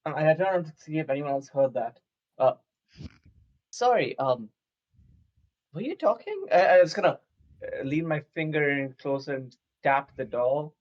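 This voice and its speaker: A tabletop game player improvising casually, narrating their own actions in a hesitant, gently coaxing way. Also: mid-range voice, moderate pace, highs cut off.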